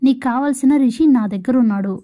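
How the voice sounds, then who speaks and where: A woman's voice: high-pitched, quick pace, dark tone, lightly acted. A woman voicing a taunting anonymous male kidnapper making demands, in a plain retelling voice.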